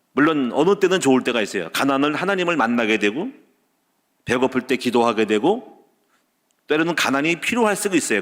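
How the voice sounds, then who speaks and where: A man preaching a sermon as pastor, stacking short repeated clauses and telling personal stories, with loud peaks and quiet dropped endings. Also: mid-range voice. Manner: tells personal stories with laughter. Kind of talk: Wednesday service sermon.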